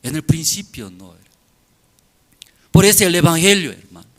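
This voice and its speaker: A male pastor with a foreign accent in his Spanish, preaching slowly and often checking in with his congregation. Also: fairly high pitch, animated. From outside Bolivia. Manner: slow, halting, constantly checking in with the listeners. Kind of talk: sermon to a congregation.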